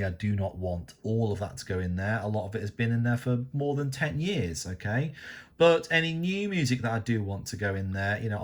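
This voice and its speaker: A man casually walking through a DJ software tutorial, chatty and rambling, with frequent "you know" and "okay?" asides. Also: medium pitch. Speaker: DJ tutorial host.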